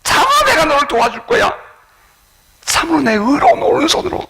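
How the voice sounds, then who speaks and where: A man voicing God, loudly pleading and reassuring in a high, strained voice. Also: wildly swooping pitch, moderate pace, gravelly, heavily acted. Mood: urgent, pleading. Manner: shouted, urgent reassurance. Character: tender pleading male God, comforting.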